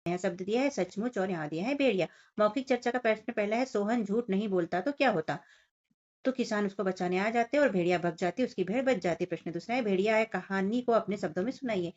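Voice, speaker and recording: A woman's voice: medium pitch, fast talker. Woman teacher, slightly dull recording. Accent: Hindi. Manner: explains step by step, addressing children directly. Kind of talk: workbook lesson for young children. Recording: dull lo-fi sound.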